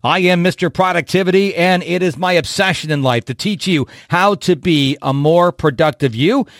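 A man hosting a podcast, talking with energetic enthusiasm and lots of swing in his voice. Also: high-pitched, moderate pace, no echo, studio quality. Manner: energetic, animated, enthusiastic delivery. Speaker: podcast host. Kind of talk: upbeat podcast interview.

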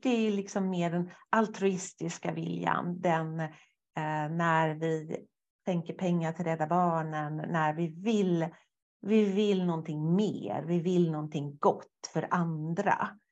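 A woman guest therapist speaking thoughtfully with some hesitations, animated when acting out inner thoughts. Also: on the low side, lo-fi sound. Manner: thoughtful, hesitant with fillers, lively when quoting inner voices. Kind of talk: conversational interview.

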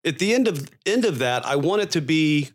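A man's voice: a little high, animated, brisk. A man co-hosting a podcast in casual conversation, wordy and thinking aloud as he goes. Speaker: podcast co-host.

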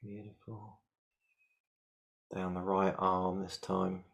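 A man leading a guided shamanic meditation, giving calm, repetitive step-by-step instructions. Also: deep voice, takes it slowly, creaky, highs cut off.

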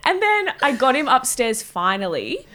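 A woman's voice: sits high, very animated, normal speed, sharp tone. A young woman, co-hosting a podcast and telling a story in casual chat, swearing freely and laughing often. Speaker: podcast co-host.

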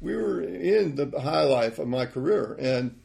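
A man in his sixties, a podcast guest, telling rambling, animated stories about his life. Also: fairly high pitch, measured pace, gravelly. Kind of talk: storytelling interview.

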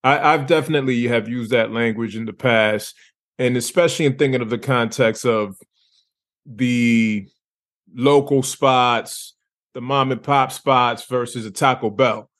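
A man from Lawrence, Massachusetts, hosting an interview in a relaxed, slangy, conversational way. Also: mid-range voice, unhurried. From Lawrence, Massachusetts, USA. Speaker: interview host. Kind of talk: casual interview chat.

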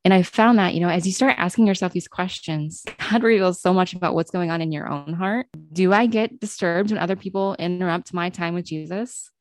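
A woman's voice: on the low side, a little fast, few pauses. A woman talking earnestly about prayer and scripture, asking many questions and using "like" often. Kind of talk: reflective Bible teaching chat.

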